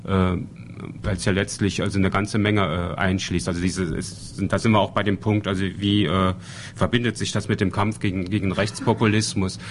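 Very deep-voiced man, halting panel talk. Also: level tone. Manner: halting, many fillers and repeated words. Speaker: panel speaker. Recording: recording with faint background noise.

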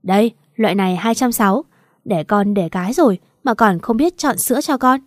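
A woman's voice: medium pitch, a little fast, dry recording, studio quality, natural voice. A woman voicing a grumpy middle-aged woman shopkeeper who scolds impatiently, in an audio storybook. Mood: irritated scolding.

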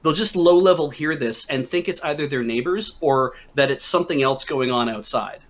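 A man's voice: a little high, normal speed. Rambling man riffing with restarts. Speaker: panelist. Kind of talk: casual comedic chat.

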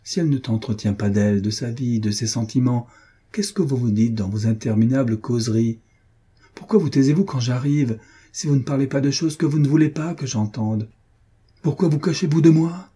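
A man's voice: on the low side, steady tone, brisk, warm tone, husky. A man reading an anguished, jealous husband who pleads with his friend in emotional outbursts, in an audiobook. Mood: pleading.

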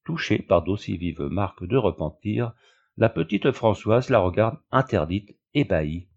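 A man reading a classic tale aloud as an audiobook narrator, measured and expressive, on a dull lo-fi recording. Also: lowish voice, creaky.

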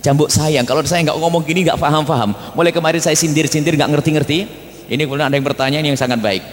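A man preaching a religious study sermon, emphatic and blunt, sometimes scolding and sometimes gentle. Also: fairly high pitch, rapid-fire, long reverb tail, a little hiss or hum. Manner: emphatic, blunt scolding mixed with tender asides.

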